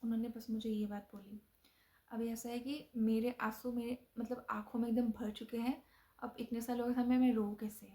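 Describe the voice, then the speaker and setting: With a fairly high, warm voice held at a level tone and normal speed, a young adult from Assam, India, relates a personal experience. She is chatty, restarts often, leans on fillers and mixes in English.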